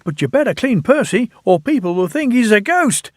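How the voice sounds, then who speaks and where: A man voicing a jovial, teasing male railway signalman in a storybook reading, pitched high above his own voice. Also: sing-song, normal speed, no room sound, clean studio sound.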